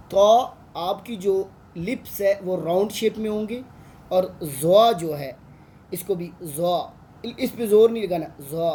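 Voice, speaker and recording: A man's voice: sits high, darkish tone, slight background noise. A man with a Pakistani Urdu accent, an online Quran tutor patiently teaching Arabic letters and drawing out each sound.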